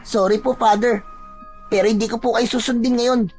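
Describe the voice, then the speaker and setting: Narrator voicing a curious boy, high voice, eager, polite pleading, slightly husky. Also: moderate pace, soft background music. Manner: polite but pleading, excitable.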